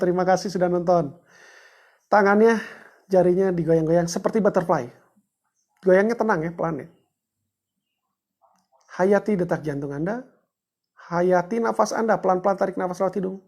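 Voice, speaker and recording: A woman's voice: medium pitch, moderate pace, pauses often, a little mellow. A woman giving a chatty, joking livestreamed teaching talk, greeting viewers and walking them through steps. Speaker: book discussion presenter.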